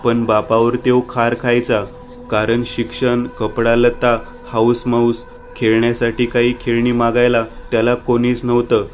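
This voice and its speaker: Flat-voiced male horror storyteller. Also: medium pitch, a little slow, slight background noise.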